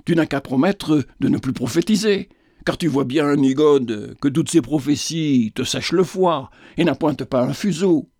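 A man reading as a gruff country lord who scolds with rough affection. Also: on the high side, moderate pace, a little mellow, no echo, studio quality.

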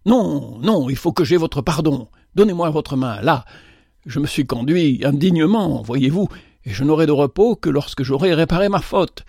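A man reading a storybook, voicing a remorseful old gentleman traveler who pleads earnestly and insistently. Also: on the high side, lively intonation, moderate pace, gravelly, slightly rough, no room sound, studio quality, heavily acted. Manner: pleading, insistent, voice trembling with emotion.

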